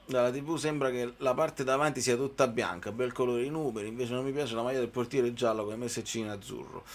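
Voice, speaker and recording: A man's voice: medium pitch, fairly bright tone. A man giving live football commentary mixed with informal, conversational chat to viewers.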